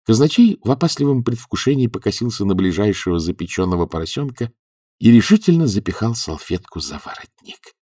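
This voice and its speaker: A man narrating an audiobook in an expressive, wry manner. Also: lowish voice, fairly quick, no room sound, clean studio sound.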